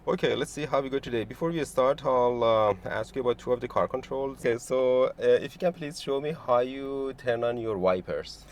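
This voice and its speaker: A man working as a driving instructor, calmly explaining each step to a learner in a car. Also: mid-range voice, fairly quick, few pauses, a little hiss or hum. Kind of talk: instructional talk and voice-over. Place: inside a car.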